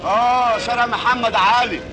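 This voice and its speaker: An actor with an Egyptian Arabic accent playing a helpful city official who talks in a brisk, reassuring way. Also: male voice, extremely high pitch, fairly even intonation. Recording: noisy old film soundtrack.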